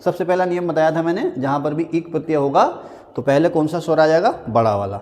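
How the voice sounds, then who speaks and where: Male teacher, a touch high, drills correct spellings in a reverberant space. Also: darkish tone. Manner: drills words, stating the wrong and the right spelling again and again; slows right down to spell a word out. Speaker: Hindi grammar teacher. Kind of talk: classroom-style spelling lesson.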